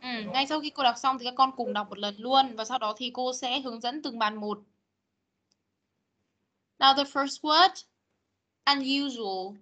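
A woman teaching English online, modeling words slowly and correcting students patiently. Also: on the high side, sharp tone. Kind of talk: online class pronunciation drill. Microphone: computer mic on video call.

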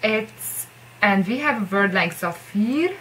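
This Hungarian-accented young vlogger takes it slowly yet sounds animated, her mid-range voice a bit bright over a little hiss or hum in poor audio. Chatting in her second language, English, to camera in a bedroom with posters, she rambles, mocks herself, and says "like" constantly.

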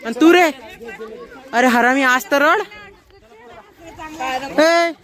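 Young man, high voice, playful teasing, outdoor vlog, crowd noise behind. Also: extremely slow, sharp tone. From Maharashtra, India. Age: young adult. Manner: playful, teasing friends to cry. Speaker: vlogger. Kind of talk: casual teasing vlog chat. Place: outdoors at a busy camp farewell. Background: crowd of students chatting.

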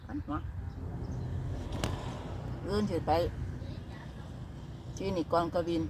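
A middle-aged woman with a northeastern Thai Isan accent, chatting casually between mouthfuls as she vlogs her meal. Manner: talks between mouthfuls, with chewing pauses. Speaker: vlogger. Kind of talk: casual chat while eating. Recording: noisy outdoor ambience with birds.

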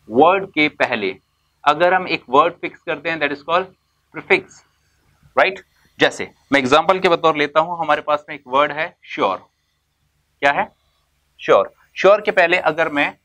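A man's voice: fairly high pitch, bright, forceful tone, low-quality recording. A man teaching basic English terms in a classroom-style lesson, mixing Hindi with English words and asking then answering his own questions. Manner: stretches out words slowly for emphasis.

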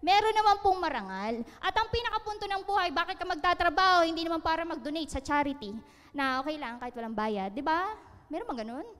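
A woman speaks to a room in a high, bright voice, teasing her listeners and laughing at her own jokes. Her words ring out with a long hall reverb behind them, as in a seminar space. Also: animated, fast talker. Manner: joking, laughing, asks listeners questions. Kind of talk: lively seminar talk.

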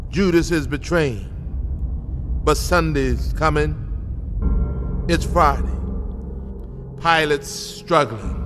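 Male preacher, slow rhythmic chant, long hall reverb on the recording. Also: on the high side, background noise. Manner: chanting, repetitive cadence.

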